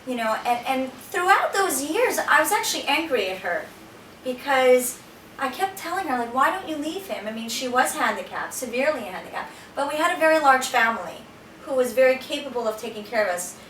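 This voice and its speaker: A woman with a high, bright voice gives a heartfelt personal talk in a small shelter room. She tells her story earnestly, often restarting her sentences. The recording is echoey and taken from some distance, with faint background noise. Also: very animated, brisk. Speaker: speaker giving a talk.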